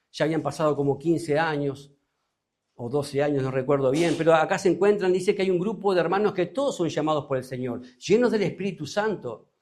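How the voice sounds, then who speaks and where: Uruguayan pastor preaching, higher-pitched. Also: male voice, a little mellow. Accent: Uruguayan Spanish. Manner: preaching with rhetorical questions, addressing the congregation; reads scripture aloud slowly. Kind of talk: sermon.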